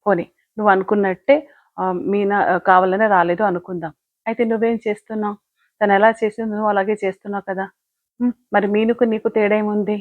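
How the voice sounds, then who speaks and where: A woman's voice: medium pitch, fairly even intonation, quick pace, dry recording, lightly acted. A woman playing a caring older sister who lectures her younger sister with firm moral advice. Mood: lecturing. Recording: dull lo-fi, dry.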